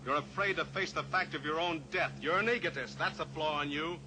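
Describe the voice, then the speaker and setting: In an old-time radio drama, a male actor with a fairly high voice plays a steely, heroic cowboy pilot, lightly acted. Measured, taunting and authoritative, he coolly pressures a captive killer in a grim, pressing mood. The old recording is noisy, with engine drone beneath.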